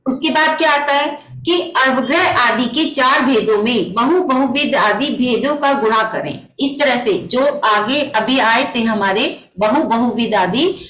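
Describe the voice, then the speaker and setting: A woman's voice: sits high, fairly bright tone, echoey room, low-quality recording. A woman teaching a religious text class over a video call, patiently explaining each point step by step and asking rhetorical questions. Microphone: computer mic on a video call.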